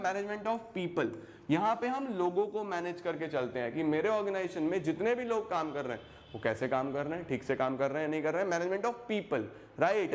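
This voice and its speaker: A young man teaching a commerce lesson to school students, mixing Hindi with English terms and repeating phrases as he asks the class questions. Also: sits high.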